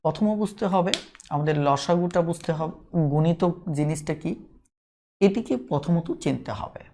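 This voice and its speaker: A woman's voice: low voice, normal speed, warm tone. A woman teaching a math lesson online, patiently repeating key points and putting questions to her viewers.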